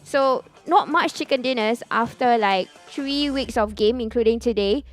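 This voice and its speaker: A woman's voice: on the high side, moderate pace, faint music behind. A woman co-casting an esports league, agreeable and hedging, with frequent fillers. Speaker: esports caster. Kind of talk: esports desk analysis.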